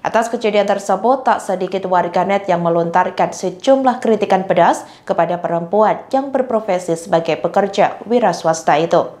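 A woman narrating a news report in an even, formal scripted delivery. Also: mid-range voice, normal speed, hardly any pauses.

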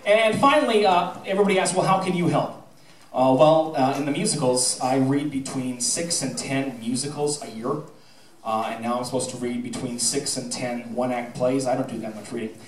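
In a casual onstage address, a middle-aged high school theatre director animatedly projects his anecdotes and thank-yous in a mid-range voice at normal speed. A handheld mic feeds the PA, and the distant, roomy audience-camera recording carries a little hiss or hum.

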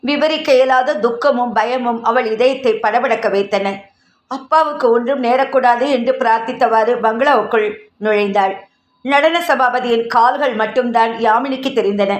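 Woman reading a story out loud, kinda high voice, echoey room. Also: moderate pace. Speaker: narrator. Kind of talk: storybook narration. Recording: roomy echo.

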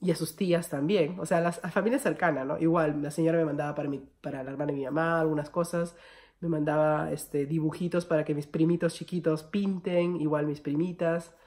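A woman's voice: low-pitched, fairly even intonation, fairly quick, a little mellow. A young Peruvian woman speaks with a Peruvian Spanish accent in a storytime vlog. She talks in a chatty, familiar way and keeps calling her viewers friends. Her delivery is that of a casual personal story. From Peru. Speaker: vlogger.

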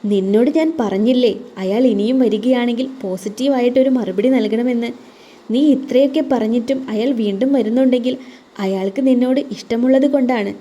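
A woman voicing a blunt, caring young friend and coworker in an audio story, pushy and lively in tone. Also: on the high side, a little fast, lightly acted.

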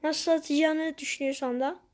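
A woman commenting on her own gameplay to her viewers, getting frustrated and excitable as she plays. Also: sits high, a little fast. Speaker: gaming channel host.

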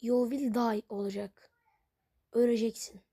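Playing Minecraft for a let's play, this woman who hosts a gaming channel rambles in puzzlement over her game and keeps speaking to her viewers. Her voice is a little high and mellow, with flat delivery and a slightly slow pace.

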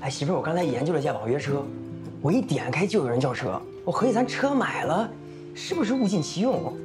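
A man's voice: on the high side, sing-song, fast talker. An actor playing a young husband who coaxes and pleads with his wife. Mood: upbeat. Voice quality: pleading and repetitive when apologizing. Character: eager, sheepish young husband. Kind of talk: short drama acting. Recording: music bed under the dialogue.

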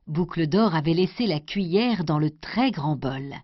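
A woman storyteller doing an expressive scripted storybook narration. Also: low-pitched, measured pace, no echo. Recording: dry, dull lo-fi recording.

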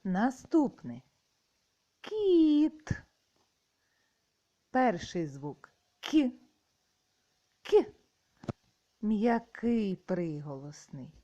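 A woman teaching young children a classroom lesson, patient and encouraging with drawn-out words. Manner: patient and encouraging, drawn-out with lively pitch swings. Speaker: primary school teacher. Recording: dull lo-fi recording.

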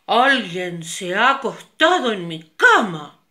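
A woman doing a shouting papa bear. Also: big pitch swings, slow pace, heavily acted. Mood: angry. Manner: loud booming shout.

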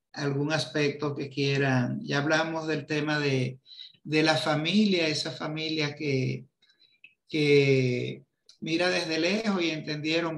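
A man in his fifties leads a film discussion over a webcam. His voice is gravelly and a little high for a man, and he talks very slowly, pausing often to find the next word. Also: a bit bright. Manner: slow, hesitant, searching for words. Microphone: video call webcam.

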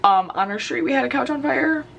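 Young female college vlogger, casual chat, vocal fry, noisy indoor camera sound. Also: sits high, animated, brisk, a bit bright. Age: young adult. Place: small bedroom, indoors.

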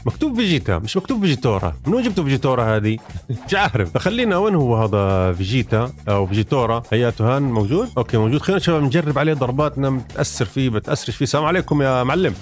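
A man's voice: medium pitch, big pitch swings, very fast, faint music behind. A man giving casual, rambling gameplay commentary, chatting to his viewers as he plays. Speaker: gaming YouTuber.

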